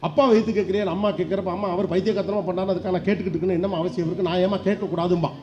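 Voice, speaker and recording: A middle-aged man giving a lively motivational speech to an audience, firing off rhetorical questions and acting out voices. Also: high-pitched. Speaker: public speaker. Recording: dull lo-fi sound with faint background noise.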